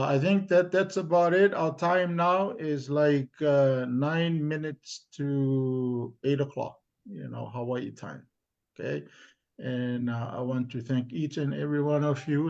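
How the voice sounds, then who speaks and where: A man with a Tongan accent speaking informally on a community live discussion in a halting, deliberate, repetitive way. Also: medium pitch, vocal fry, mellow. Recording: dull lo-fi stream audio.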